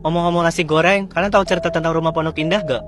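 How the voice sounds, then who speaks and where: A man's voice: a little high, steady tone, rapid-fire, slight background noise. A man in a skit, telling a spooky story to his friends. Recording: background music.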